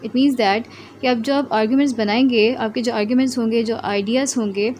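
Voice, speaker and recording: Indian woman educator, highish voice, measured unhurried lecture delivery, faint noise behind. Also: steady tone, a little mellow. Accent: Indian English. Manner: slow read-aloud English lines, quick Hindi explanations. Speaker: physiotherapy educator. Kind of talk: lecture mixing English and Hindi.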